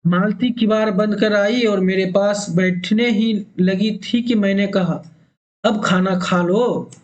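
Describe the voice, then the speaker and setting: A man's voice: high voice, fairly even intonation, slow pace. A male teacher explaining a story line by line for exam students, repeating phrases and checking in with tag questions. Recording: dull lo-fi sound.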